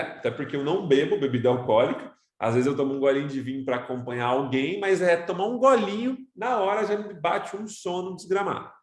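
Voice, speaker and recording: A Brazilian man teaching an online course, lively and loud, constantly shifting his tone and pace as he lectures his students. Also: high voice, roomy sound. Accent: Brazilian Portuguese. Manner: animated, talks loud, varies his tone constantly.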